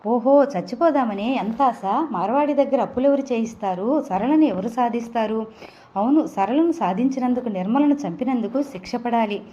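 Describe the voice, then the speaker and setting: A woman's voice: on the high side, normal speed, warm tone, lo-fi sound, lightly acted. A woman voicing an unstable, drinking husband in a read-aloud audio novel, raving and mocking in turn. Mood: menacing. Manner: raving and mocking, then tender. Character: volatile drunk adult man, a husband. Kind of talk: audiobook character reading.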